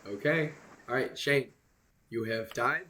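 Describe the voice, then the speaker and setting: A man's voice: medium pitch, a little slow, bright, forceful tone. A man acting as game storyteller, announcing votes and nominations to the players. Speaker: storyteller running a social deduction game.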